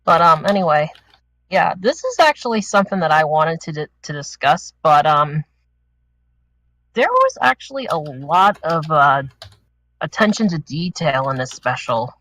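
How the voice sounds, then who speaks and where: Bright-voiced guy, slightly out of breath. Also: on the high side, very animated, unhurried, low-quality recording. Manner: rambling, restarts with "the thing is". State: a little out of breath. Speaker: podcast panelist. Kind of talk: casual group discussion.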